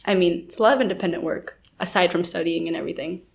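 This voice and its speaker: A woman's voice: on the low side, steady tone, fast talker, gravelly. A young woman from India co-hosting a student podcast, chatting casually with many fillers. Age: young adult. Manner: chatty, lots of "like" and "I feel like". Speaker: podcast co-host.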